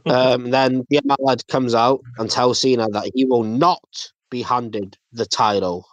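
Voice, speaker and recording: A man's voice: mid-range voice, steady tone, unhurried, no echo. A man hosting a podcast, casually narrating a play-by-play recap while friends chime in. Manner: plays by play, laughing along with friends. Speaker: podcast host. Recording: dull, lo-fi, dry sound.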